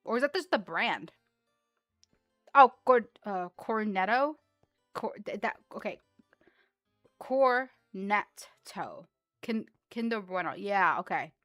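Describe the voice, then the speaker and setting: A woman's voice: mid-range voice, a bit bright, no room sound. A young woman streamer chatting casually while playing a game, rambling with frequent restarts and laughs. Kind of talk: casual livestream chat while gaming.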